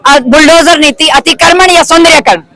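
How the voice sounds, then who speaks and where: A woman's voice: sits high, normal speed, fairly bright tone. A woman reporter pressing passersby with questions in a street interview outdoors.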